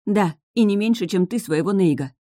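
A woman's voice: mid-range voice, normal speed, warm tone, dry recording, clean studio sound, pitched above the performer's own voice, natural voice. A woman voicing a bold young mermaid heroine who speaks urgently and insistently.

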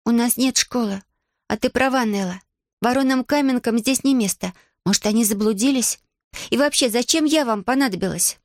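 A woman's voice: a little high, normal speed, no room sound, clean studio sound, voice pushed up, close to an everyday voice. A woman voicing an earnest, curious young village girl who asks lots of questions.

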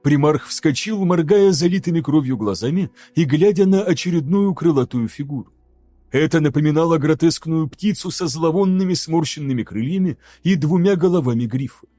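Чтец-мужчина, мягкий тёмный тембр, размеренное драматичное чтение, тихая музыка фоном. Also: male voice, on the high side, animated, dark tone, dry recording, soft background music. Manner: measured, dramatic reading. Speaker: audiobook narrator. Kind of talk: scripted narration.

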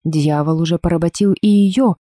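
A hateful, zealous village woman, preachy and accusing, in a low mellow voice, as a woman reader puts her on. The sound is close and dry, like a storybook reading. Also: moderate pace, no echo, close to an everyday voice.

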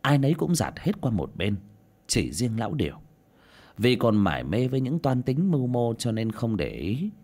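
Expressive male storyteller, low voice. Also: normal speed. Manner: expressive, dramatic storytelling delivery. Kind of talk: dramatic story narration.

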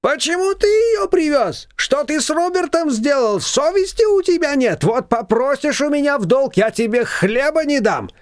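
A man voicing a quarrelsome older female shop owner who scolds in shrill tirades. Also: expressive, normal speed, few pauses, no room sound, clean studio sound. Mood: scolding.

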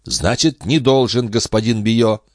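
A man reading a young, naive peasant lad in an audiobook, earnest and excitable, always polite and always hungry. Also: fairly low pitch, a little slow, dry recording, clean studio sound, voice pushed up. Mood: flustered protest.

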